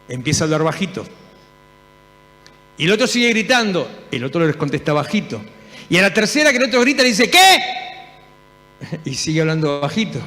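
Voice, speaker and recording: A man with an Argentine accent preaching a sermon in a church, telling stories lively and acting out the dialogue. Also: a little high. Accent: Argentine Spanish. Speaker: pastor. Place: church hall. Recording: long hall reverb.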